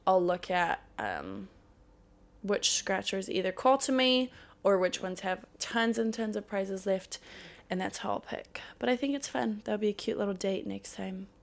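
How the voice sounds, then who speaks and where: Woman podcast host in her thirties, gravelly voice, candid and profane, loose casual chat. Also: medium pitch. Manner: candid, swears freely, laughs often.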